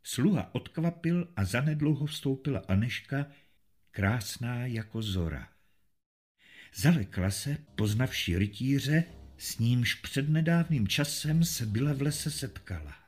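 A man narrating a historical tale in an expressive, measured storybook reading. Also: medium pitch. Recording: faint music behind.

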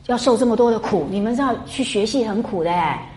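A woman lecturing a class on a classic novel, chatty and animated, full of rhetorical questions. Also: on the high side, quick pace. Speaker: literature lecturer. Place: classroom with students.

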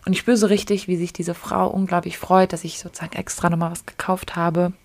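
A woman podcast host telling personal stories in a soft, often whispery, emotional way, close to tears. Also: fairly low pitch, level tone, brisk. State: tearful. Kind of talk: personal storytelling.

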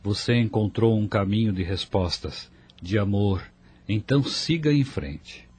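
A calm, fatherly mentor gently counsels a friend in a radio play, voiced by an actor. His voice sits fairly low with a slight huskiness, and he. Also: unhurried, breathy edge, no room sound. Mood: counseling. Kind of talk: radio drama acting.

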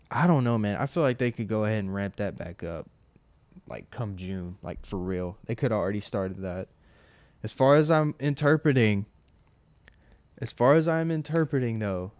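A man's voice: on the low side, darkish tone, clean tone, no echo. A man in his twenties hosting a podcast on his own, talking in a loose, rambling way with lots of "like" and casual swearing. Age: 20s. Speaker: podcast host. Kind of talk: casual solo podcast monologue.

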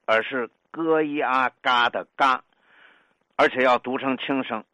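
Bright-voiced older man lecturing on dialect. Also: medium pitch, no room sound, poor audio. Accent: Tianjin. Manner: measured, lecturing, sounds out syllables. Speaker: dialect scholar. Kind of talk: explanatory talk on pronunciation.

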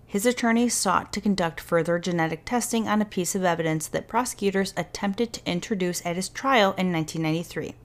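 A young woman reads out the details of a criminal case and keeps breaking off to react. Her commentary is animated and sarcastic, and she swears freely. Her voice sits a little low for a woman. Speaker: true crime podcast host. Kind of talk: reading case notes with casual commentary.

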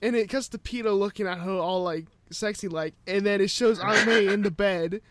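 High-voiced young man rambling a story. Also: normal speed, heavy background noise. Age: young adult. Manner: rambling storyteller, lots of restarts and "I'm like". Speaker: podcast co-host. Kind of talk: casual chat.

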